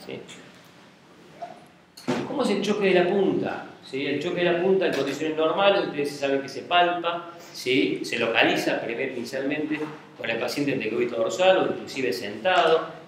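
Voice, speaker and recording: A man's voice: fairly high pitch, moderate pace. A man giving a medical lecture, explaining step by step and checking in with the class often. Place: lecture room. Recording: very echoey classroom with faint hiss.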